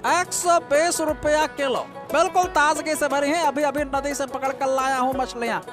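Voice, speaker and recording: A man voicing a boastful rival fish seller in a cartoon, with a sing-song sales pitch. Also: steady tone, normal speed, music in the background. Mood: selling. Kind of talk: animated cartoon dialogue.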